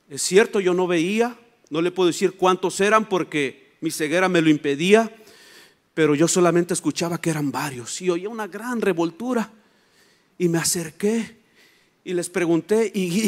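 A man's voice: high voice, lightly acted. A man doing a grateful once-blind man.

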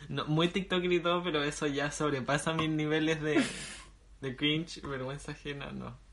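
A man's voice: fairly high pitch, steady tone, moderate pace, a bit bright. A young man with a Chilean accent co-hosting a casual podcast, dropping playful slangy interjections and telling short anecdotes. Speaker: podcast co-host.

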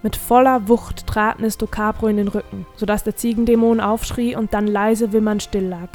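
A woman reading a fantasy story aloud as narrator, in a measured, expressive storytelling manner. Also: medium pitch, soft background music. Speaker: audiobook narrator. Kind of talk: scripted narration.

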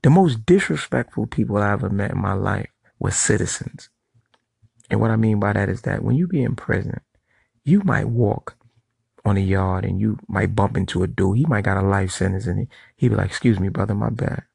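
Gravelly, low-voiced man ranting bluntly. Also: expressive, moderate pace, a little mellow, no echo. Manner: blunt, profane street talk with many "right?" tags. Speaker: vlogger. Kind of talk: casual monologue.

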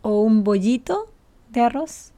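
Woman, kinda high voice, chatting on a podcast, patient explainer, laughs a lot. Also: expressive, unhurried, warm tone. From Canary Islands. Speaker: podcast co-host and Spanish teacher. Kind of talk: casual chat.

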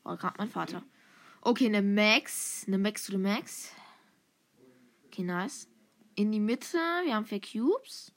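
A young woman streaming a mobile game, commenting live on the play and bursting into shouts and laughter at close moments. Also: medium pitch, unhurried, long pauses. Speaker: gaming streamer. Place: home room with vacuum cleaner in background.

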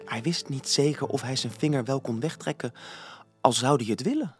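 A man narrating a children's storybook in an expressive, lively reading. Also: mid-range voice, moderate pace, faint music behind.

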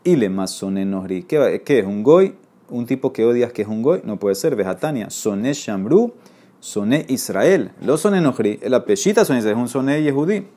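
This man teaches Talmud with an expressive, dark-toned voice of medium pitch at a moderate pace. He reads passages in Aramaic, explains them in Spanish, and keeps checking with his listeners with "¿ok?".

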